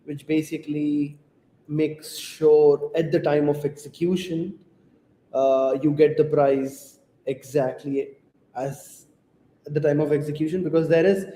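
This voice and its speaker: A man with a mellow, fairly high voice explains things steadily as co-host. The room is echoey, with a faint hiss underneath. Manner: measured, explanatory, frequent "to be honest". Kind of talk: casual crypto show chat.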